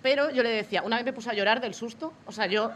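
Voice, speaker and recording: A woman's voice: a little high, fast, fairly bright tone, a little hiss or hum. A young woman in casual chat, rambling with many restarts and poking fun at herself.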